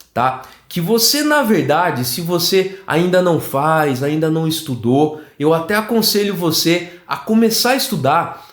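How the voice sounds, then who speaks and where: Lively Brazilian male flute teacher. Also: high-pitched. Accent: Brazilian Portuguese. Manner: animated, explanatory, checks in with "tá?". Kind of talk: online music lesson. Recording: roomy echoey room.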